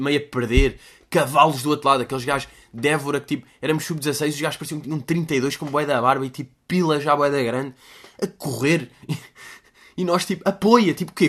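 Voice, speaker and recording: A man in his twenties with a European Portuguese accent hosts a casual solo podcast, rambling in a slangy, joking way and occasionally erupting into loud shouted bits. His voice is medium-pitched.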